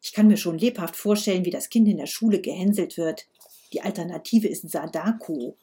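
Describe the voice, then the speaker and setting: A woman's voice: on the low side, brisk, warm tone, slightly rough. A woman voicing a brusque, sarcastic older woman, a grandmother, while reading a novel aloud. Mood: scornful. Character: grumpy sharp-tongued older woman, a grandmother, reckless driver.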